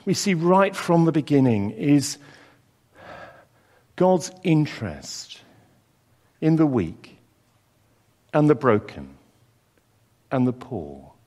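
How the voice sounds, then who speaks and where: A man preaching a sermon, earnest and expressive, leaning on emphatic repetitions and pauses. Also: fairly high pitch.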